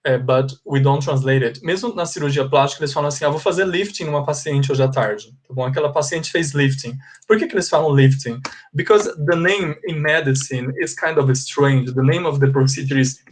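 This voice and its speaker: Teaching English online, this Brazilian Portuguese-accented man alternates between the two languages. He explains patiently, repeats the forms and checks with his students, speaking at medium pitch and normal speed.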